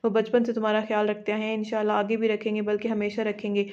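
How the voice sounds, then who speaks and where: A woman's voice: medium pitch, monotone, fast, darkish tone, natural voice. Teasing young brother, read by a woman. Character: playful teasing young man, cheerful brother. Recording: dull lo-fi audio.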